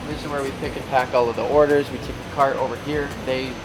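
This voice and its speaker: A man's voice: medium pitch, level tone, fast, rough recording. A man talking casually and off the cuff as a manager walking someone through a workplace, pointing things out as he goes. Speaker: warehouse manager giving a tour. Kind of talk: casual walk-through tour talk. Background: background music.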